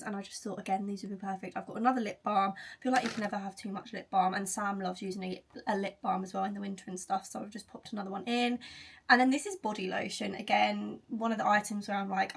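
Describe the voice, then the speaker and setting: A woman's voice: mid-range voice, vocal fry. A young woman in her twenties with a British accent, chatting casually to camera at home in a weekend vlog, full of "like" fillers. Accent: British English. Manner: chatty, frequent "like" fillers, upbeat. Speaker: vlogger. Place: home, indoors.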